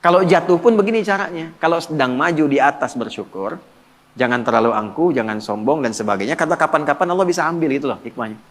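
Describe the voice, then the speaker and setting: A man giving a religious lecture, lively, asking the audience questions and answering them himself. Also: fairly high pitch, fast talker, long reverb tail. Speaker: preacher.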